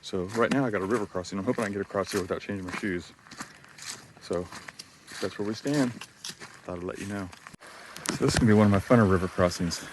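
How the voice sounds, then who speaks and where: A man's voice: lowish voice, fast, long pauses. A middle-aged man chatting casually to the camera while hiking alone on a forest trail, rambling and self-deprecating. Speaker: hiking vlogger. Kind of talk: casual vlog talk to camera. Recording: outdoor noise in the background. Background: outdoor noise.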